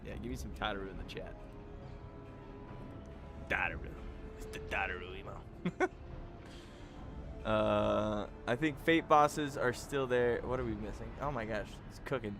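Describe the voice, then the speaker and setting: A man's voice: lowish voice, measured pace, pauses often, over music. A man hosting a casual gaming livestream, laughing often and talking to his chat. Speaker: streamer host.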